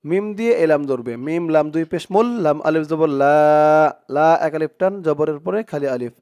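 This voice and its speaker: A man teaching Quran reading, spelling out letters and vowel marks one by one, then chanting the Arabic words in a drawn-out, louder voice. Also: on the high side, clean tone, no room sound, clean studio sound. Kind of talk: slow spelling-out recitation lesson.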